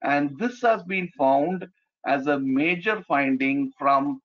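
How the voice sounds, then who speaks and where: A man explaining slides as a trainer, haltingly, with frequent "you know" and "right?" tags. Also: a little high. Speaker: presenter, trainer. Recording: dull, lo-fi online audio.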